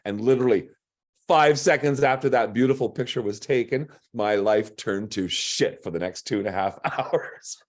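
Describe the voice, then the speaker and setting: Brief: gruff male drag performer reading a comic personal story, wry timing, middle pitch. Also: moderate pace. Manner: wry, punchline-driven delivery.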